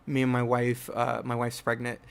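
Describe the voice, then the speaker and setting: A young man from New Jersey who makes films and hosts a channel rambles about his filmmaking in a personal story, full of fillers and restarts. His smooth mid-range voice has vocal fry and a completely flat delivery at normal speed.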